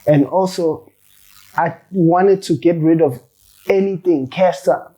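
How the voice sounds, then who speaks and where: A South African rapper, guesting on an interview, chats loosely in a mellow, somewhat high voice at a slow pace. He's slangy, swears freely, and laughs as he tells stories, all captured on a rough recording.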